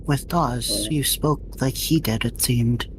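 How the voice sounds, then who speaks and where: A woman voicing a calm, observant android who talks bluntly, in a fandub. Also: very deep voice, takes it slowly, a little hiss or hum. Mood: even. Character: calm, probing android companion. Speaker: fandub voice actor.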